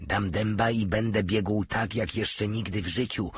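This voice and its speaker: A man voicing a boastful, mocking male soldier in an audiobook, with a husky voice. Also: on the low side, steady tone, a little slow, no echo, pitched above the performer's own voice. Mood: tense whisper.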